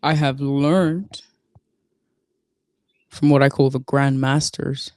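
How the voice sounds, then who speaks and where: A woman hosts a solo talk show and speaks at an unhurried, measured pace. She repeats key phrases for emphasis. The sound is dry and close, with almost no room. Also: a bass voice, steady tone, darkish tone, no echo. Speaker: podcast host.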